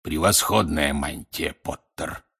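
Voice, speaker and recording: A man reading an audiobook and voicing a gruff, wary old male auror with a hoarse, rasping voice. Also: extremely low pitch, slow, bright, forceful tone, pitched below the performer's own voice, full character voice.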